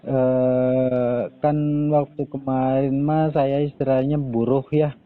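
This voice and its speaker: A man, a bank customer talking casually on speakerphone in a halting, hesitant way. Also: mid-range voice, flat delivery. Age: 40s. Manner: hesitant, halting with many pauses. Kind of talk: casual phone conversation. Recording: tinny phone line.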